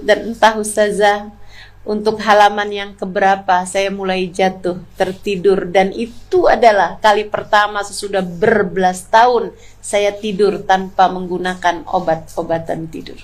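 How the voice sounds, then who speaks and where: A woman in her forties from Indonesia, preaching and earnestly retelling a story in a sermon. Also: mid-range voice. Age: 40s.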